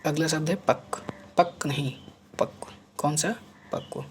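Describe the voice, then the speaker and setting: Speaking a little slowly in a fairly high voice, a man runs through spelling words for an exam. He says each one over and over, poses questions and answers them himself, and murmurs while he writes on screen. There's slight background noise.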